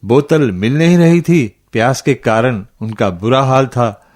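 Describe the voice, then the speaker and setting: An actor playing a kindly old grandfather who tells children a spooky story in a radio lesson, in a slow, dramatic manner. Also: mid-range voice, darkish tone, lightly acted.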